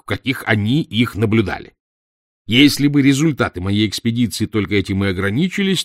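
A man's voice: medium pitch, no room sound, clean studio sound, voice pushed up, natural voice. A man voicing a pompous, arrogant older male professor who talks down to his listener in a lecturing way. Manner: haughty, lecturing, condescending. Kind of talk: audiobook reading.

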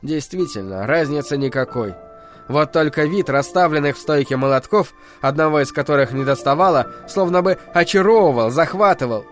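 A man reading a novel aloud as narrator, with measured, expressive storytelling. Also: on the high side, soft background music. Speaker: audiobook narrator. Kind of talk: scripted narration.

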